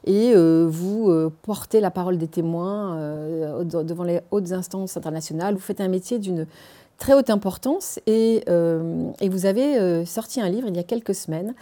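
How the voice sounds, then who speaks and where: A woman's voice: fairly low pitch, moderate pace, mellow. A woman interviewing a guest in a TV studio, with an English accent, hesitating often with fillers and restarts.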